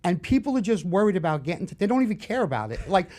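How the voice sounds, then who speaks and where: A man in his fifties with a Bronx New York accent, a horror film director chatting through stories in an interview, animated and full of restarts. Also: sits high, quick pace. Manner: storytelling, animated, restarts often. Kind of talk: casual interview chat.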